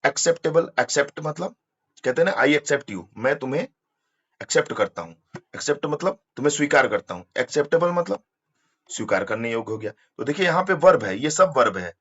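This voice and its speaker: A man's voice: a little high, expressive, fairly quick, a bit bright, slightly rough, dull audio. A man teaching an exam-prep English lesson, explaining step by step and spelling words out letter by letter.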